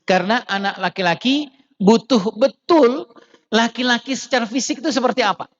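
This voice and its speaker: A man's voice: extremely high pitch, moderate pace. A man giving a conversational religious parenting talk, chatting straight at the mothers in his audience and often adding little tag phrases to keep them with him. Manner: softens into gentle acted quotes to children. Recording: dull lo-fi recording.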